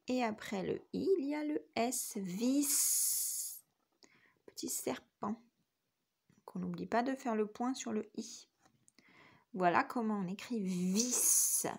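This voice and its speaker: This kindergarten teacher's mid-range voice has vocal fry, a darkish tone and a breathy edge. In a recorded spelling lesson for young children, she patiently works through each letter and syllable aloud.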